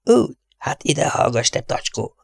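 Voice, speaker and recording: A man's voice: mid-range voice, a bit bright, no echo, clean studio sound, pitched above the performer's own voice. A man doing a wheezing, hissing mad outlaw. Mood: menacing. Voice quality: hoarse hissing whisper, wheezing throat voice. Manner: menacing, cackling, barking. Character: crazed vengeful outlaw father, raspy whisperer.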